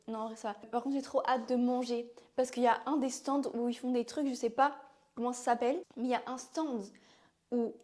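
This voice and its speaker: A young woman with a regional French accent chatting casually in a vlog, rambling and filling pauses with "euh". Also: a little high, dark tone. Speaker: vlogger.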